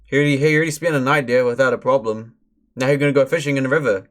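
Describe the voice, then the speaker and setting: A man with a mid-pitched voice streams live and chats casually over a story. He sounds laid-back and uses plenty of slang. Clicks can be heard now and then. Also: fairly even intonation, rapid-fire, a bit bright. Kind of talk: casual chat.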